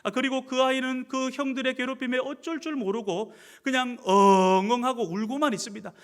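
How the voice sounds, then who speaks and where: High-voiced animated pastor preaching. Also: male voice, brisk. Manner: animated, acts out quoted speech. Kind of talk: sermon. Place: church.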